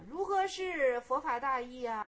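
A proud young monk , as a woman puts him on, sobs and pleads in high, rising cries. He whines to his master in a storytelling voice. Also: animated, measured pace, a bit bright. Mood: pleading. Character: proud young male monk, whining and sobbing.

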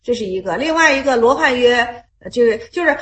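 High-voiced woman teaching Zen stories. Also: animated, quick pace, a bit bright. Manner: repeats herself, asks rhetorical questions, retells stories in plain speech. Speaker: Buddhist study leader. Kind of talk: teaching Zen koans in casual group study.

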